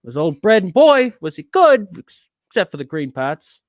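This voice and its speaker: Here a man performs a rambling rant as a dramatic reading, voicing a bitter, neurotic, edgy character whose travel story comes out as cranky storytelling. He uses a put-on accent that keeps shifting, and his high, pushed-up voice is very animated at a moderate pace. The recording is dry.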